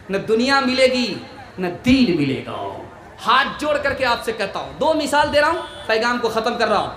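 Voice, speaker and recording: Man, Islamic preacher, impassioned sermon, rhythmic repeated phrases, bright edgy tone, echoey room. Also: extremely high pitch, a little hiss or hum. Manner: rhythmic, repetitive preaching that rises to shouts. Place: religious gathering.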